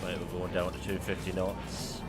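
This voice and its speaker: A man's voice: sits low, little pitch movement, normal speed, loud music behind the voice. A man giving casual livestream flight commentary, informally narrating what he is doing. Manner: informal, narrates own actions. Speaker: flight sim streamer.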